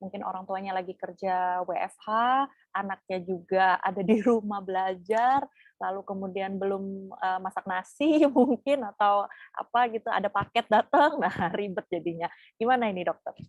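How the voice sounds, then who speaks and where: A woman's voice: medium pitch, moderate pace, a little mellow, no echo. A woman moderating a webinar, summing up and asking questions in a friendly way. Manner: friendly, sums up and asks questions. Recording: tinny phone-like call audio.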